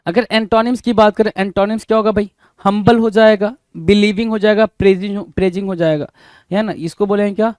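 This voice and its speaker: Speaking briskly in a high, darkish voice with a steady tone, an Indian-accented man runs an English vocabulary class for exam preparation. He switches between Hindi and English and keeps asking his students questions. The recording has no added ambience.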